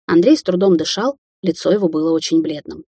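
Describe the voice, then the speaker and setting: A woman narrating an audiobook in a steady, even storytelling manner. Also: low voice, fairly quick, gravelly, breathy edge, no room sound, clean studio sound.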